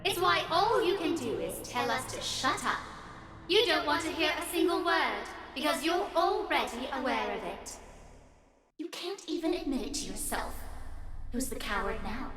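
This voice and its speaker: Sneering monster, lively and echoing. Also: female voice, high voice, normal speed. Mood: taunting. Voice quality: cold, sneering and cruel. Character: mocking monster taunting a detective, cruel and gloating. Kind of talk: voiced game dialogue. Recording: echoey with a long hall reverb over music.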